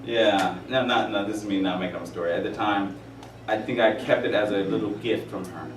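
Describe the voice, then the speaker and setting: This math lecture comes from a man in his forties with a lowish voice, a steady tone and a brisk pace. He rambles and jokes, slipping in asides and stories between the steps, and the echoey, far-off recording carries background noise.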